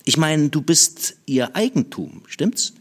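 A man reading aloud, voicing a restless, teasing young boy with a raised, quick voice. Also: sing-song, breathy edge, heavily acted. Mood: teasing, probing. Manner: quick, raised boyish pitch. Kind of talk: audiobook reading.

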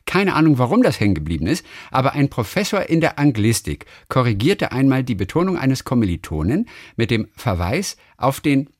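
A man's voice: mid-range voice, brisk, few pauses, no room sound, clean studio sound. A man co-hosting a casual chat, reading out a listener message and explaining it. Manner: lively, reads out listener messages. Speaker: podcast co-host.

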